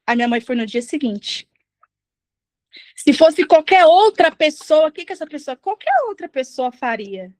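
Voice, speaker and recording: A woman's voice: sits high, animated, normal speed, a little mellow, dry recording. A woman from Brazil preaching a sermon, sharing a personal testimony in an earnest, emphatic way and acting out the speech she quotes.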